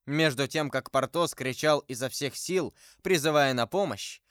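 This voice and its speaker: Clear-voiced male audiobook narrator. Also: mid-range voice, fairly bright tone, no room sound, studio quality. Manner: measured, dramatic reading.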